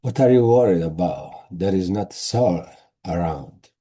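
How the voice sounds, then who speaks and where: A man voicing a calm, loyal male space lieutenant, in a slow, careful read. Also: low voice, slightly rough. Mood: steady. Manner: slow careful reading with stumbles.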